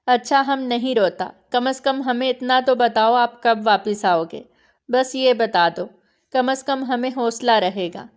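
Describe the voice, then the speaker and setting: A woman's voice: a little high, natural voice. A woman narrator voicing a young bride who begs her brother tearfully not to leave. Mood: pleading. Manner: pleading, tearful delivery.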